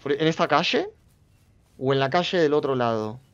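A man giving casual gameplay commentary, chatting to himself and his viewers with sudden loud outbursts. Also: fairly high pitch, lively intonation, moderate pace, muffled recording. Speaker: gameplay streamer.

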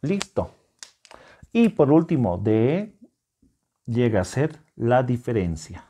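At a whiteboard, a man teaches secondary students math, moving slowly and patiently through each step, reassuring them and regularly asking whether they're following. His mid-range voice is warm and swings widely in pitch.

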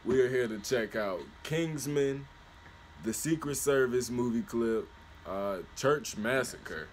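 A young man hosting a casual reaction video, excited and swearing as he comments on a film clip. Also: mid-range voice, slow pace, slight background noise. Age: young adult. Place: room with a window, indoors. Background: loud movie audio with music.

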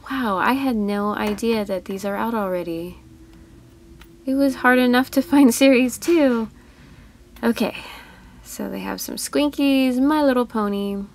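Casual female toy vlogger, easily delighted, a little fry in the voice, store noise faint. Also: a little high, a little slow. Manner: chatty, easily delighted, gushing over toys. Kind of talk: casual toy-hunt commentary.

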